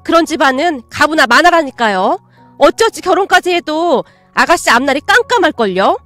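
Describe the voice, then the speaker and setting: A woman's voice: high-pitched, expressive, moderate pace, fairly bright tone, no room sound, faint music behind. A woman doing a snide, needling young wife. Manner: needling, condescending. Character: snide meddling young wife, sister-in-law.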